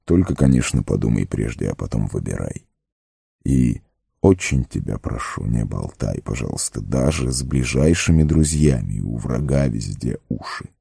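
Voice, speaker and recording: A man puts on a grave old wizard in an audiobook, commanding and stern. The voice sits very low, dark and gravelly. It is close and dry. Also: sing-song, no echo, full character voice. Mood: earnest warning. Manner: grave, slow and warning. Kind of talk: audiobook character reading.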